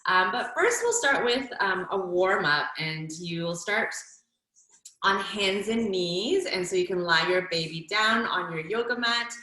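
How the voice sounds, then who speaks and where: A Canadian fitness instructor leads a live mom-and-baby workout class over video call from her home workout space, giving chatty, encouraging cues. Her medium-pitched voice is sharp in tone, with lively intonation and a measured pace, and the room is very echoey.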